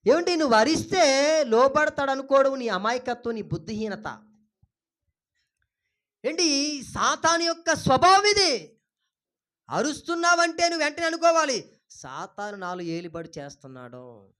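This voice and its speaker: A male pastor with a Telugu accent preaching a sermon, moving between loud exclamations and soft low asides. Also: expressive, unhurried, pauses often.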